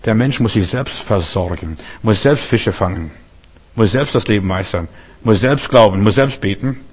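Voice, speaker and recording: A man's voice: lowish voice, normal speed, darkish tone, husky, in a large hall. A man preaching a sermon, speaking straight to his listeners and driving points home by repeating them. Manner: addresses listeners directly, emphatic repetition.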